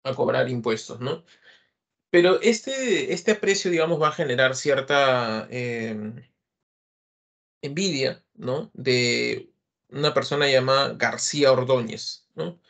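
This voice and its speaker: A man's voice: mid-range voice, takes it slowly, vocal fry, a bit bright. A man teaching a literature class online, explaining verse and rhyme in a patient lecturing style, with many fillers and tag questions. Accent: Peruvian Spanish.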